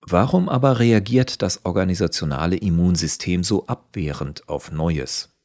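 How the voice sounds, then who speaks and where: Low male narrator, steady scripted read, dry studio sound. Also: no echo. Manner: even, measured reading. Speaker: article reader.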